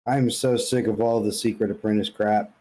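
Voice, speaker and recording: This podcast co-host speaks at a normal speed in a lowish, steady voice with a mellow, darker quality. His talk is casual and blunt, peppered with slang and cursing, like friends swapping strong opinions.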